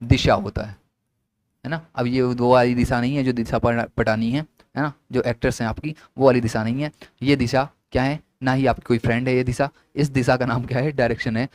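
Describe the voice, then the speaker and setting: A man's voice: medium pitch, steady tone, a little fast, a little mellow, no room sound. Man drilling a lesson with repeated questions. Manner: repetitive question-and-answer drilling. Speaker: teacher. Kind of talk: classroom lesson explaining at a whiteboard.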